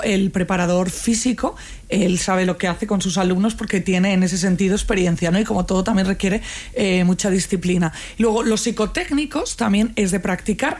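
A woman's voice: medium pitch, a little mellow. A woman who explains things emphatically as a guest expert in an interview conversation.

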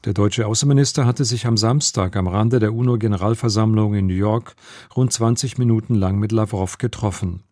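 A man reads radio news bulletins in a formal, even-paced studio style. His voice sits fairly low and has a mellow, dark timbre. The sound is close and dry, with no room around it. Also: dry recording. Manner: measured, formal delivery. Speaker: newsreader. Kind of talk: scripted radio news reading.

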